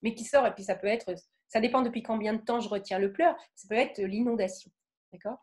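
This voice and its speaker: A French woman giving a lively talk on the voice, acting out emotions with sudden vocal bursts and often checking in with her audience. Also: medium pitch, fairly quick. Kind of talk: lively spoken lecture with demonstrations.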